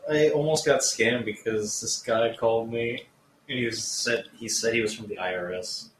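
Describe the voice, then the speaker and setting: A man's voice: mid-range voice, normal speed, fairly bright tone, distant mic, a little hiss or hum. A young man co-hosting a podcast, telling stories in a laid-back, wry way. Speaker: podcast co-host. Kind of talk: casual chat. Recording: echoey room, faint ambience.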